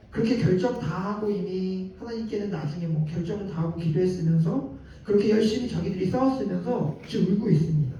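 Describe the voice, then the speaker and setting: A man's voice: high voice, mellow. A man preaching a sermon to a young adults' group in a conversational way, often turning to the congregation with questions. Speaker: pastor. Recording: echoey hall, distant mic, dull lo-fi.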